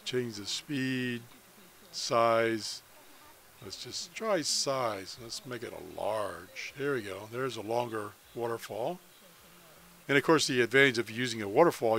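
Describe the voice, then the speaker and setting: An American hobbyist in amateur radio walks through a website in a casual, unscripted screen-share, thinking aloud as he goes. His voice is medium in pitch with a fairly bright tone.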